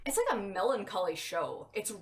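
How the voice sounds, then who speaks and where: A woman's voice: on the low side, expressive, moderate pace, a bit bright. Woman streamer just chatting, informal and sweary, voice bounces around, music going. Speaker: livestream host. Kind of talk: casual chat, watchalong commentary. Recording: music playing behind voice.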